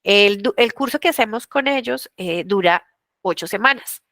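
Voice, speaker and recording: A woman leading a virtual financial education workshop, speaking colloquially and telling lively anecdotes. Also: medium pitch, normal speed, no echo. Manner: colloquial, animated storytelling.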